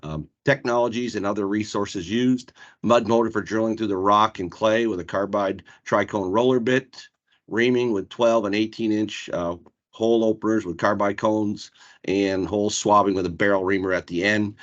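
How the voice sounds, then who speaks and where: A man's voice: fairly low pitch, fairly even intonation, moderate pace. A man giving an informal project report to colleagues on a video call. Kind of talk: informal work presentation. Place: online meeting. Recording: dull, lo-fi video call audio.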